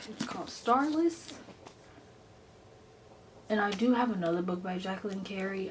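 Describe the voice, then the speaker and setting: A woman giving a chatty, gushing book review in an informal, enthusiastic way, stressing words by repeating them. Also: medium pitch. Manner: informal, enthusiastic, emphatic repetition. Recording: noticeable background noise.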